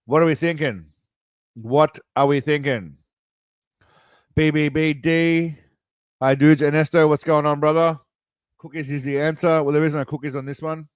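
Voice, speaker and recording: A tipsy man who calls himself wasted hosts a rambling quiz stream, chatting casually, swearing and reading the quiz options aloud in a loose way. His voice is a little high and steady, at a moderate pace with long pauses, smooth in a dry recording.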